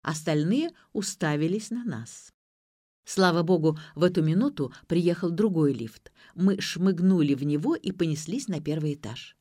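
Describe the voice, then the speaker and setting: Lively woman reading an audiobook. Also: on the low side, normal speed, dry recording, studio quality. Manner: lively, expressive storytelling. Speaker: audiobook narrator.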